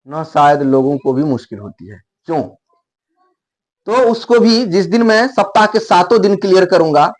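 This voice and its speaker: Male teacher, high voice, explains patiently and repeats words aloud to model pronunciation. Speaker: English teacher. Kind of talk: explanatory video lesson.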